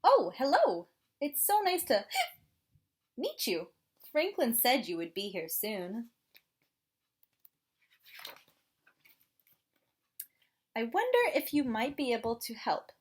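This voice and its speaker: A woman plays a little boy penguin from a picture book, high-voiced and swooping. He is polite but flustered, his slow speech broken by gasping hiccups, and he appeals to children like an expressive kids show host. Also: husky, exaggerated voice. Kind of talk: animated children's storybook read-aloud.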